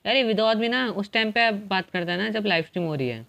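A man streaming a multiplayer game live, chatting casually and shouting at the other players. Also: high voice, a little fast, gravelly. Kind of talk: casual gaming livestream chat.

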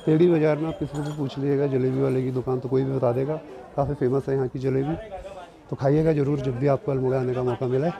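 Filmed on a phone camera with background music, this young Uttarakhand man chats to viewers as he guides them through outdoor market streets. His medium-pitched voice is level, fast and vocal-fried, a bit sore-throated, and the muffled audio carries a crowd behind him.

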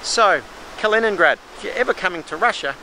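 A man's voice: sits high, expressive, a little fast, bright, forceful tone, poor audio. A middle-aged man giving an informative travel vlog narration. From Australia. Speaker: travel vlogger. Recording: faint outdoor background noise.

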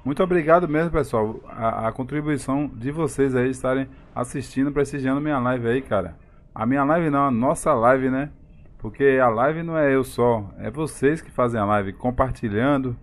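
A man with a medium-pitched voice talks at normal speed while streaming a game live, greeting viewers by name and chatting casually. His accent is Bahian Brazilian Portuguese, and he comes from Salvador, Bahia, Brazil.

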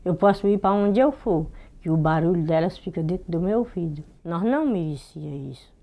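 Slow, weary low-voiced woman. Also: warm tone. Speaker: local resident. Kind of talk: interview testimony.

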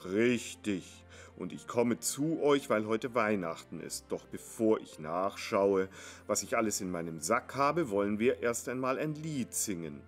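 A man voicing a young male student dressed as Santa, who scolds the family in a deep, stern, schoolmasterly tone. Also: expressive, unhurried, soft background music.

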